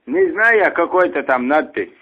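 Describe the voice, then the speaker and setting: High-voiced Dagestani-accented man on phone. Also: very animated, creaky, slightly rough. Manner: halting, hesitant, naive questioning. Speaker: caller. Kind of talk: phone call. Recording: tinny narrow-band phone line.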